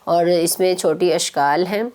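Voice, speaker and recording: A woman's voice: fairly low pitch, steady tone, darkish tone, smooth. A woman host teaching children recitation on a TV program, speaking patiently and repeating her instructions to young viewers.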